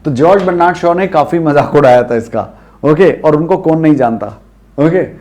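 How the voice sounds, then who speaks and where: Lively Indian man teaching pronunciation. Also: fairly high pitch, normal speed. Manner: drills pronunciation, asks viewers to repeat after him. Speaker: English teacher. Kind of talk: spoken English lesson.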